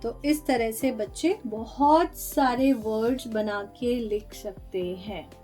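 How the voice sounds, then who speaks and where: A woman's voice: on the high side, takes it slowly, mellow, faint music behind. A woman teacher walking through phonics worksheets, sounding out letters one at a time in a patient, explanatory way.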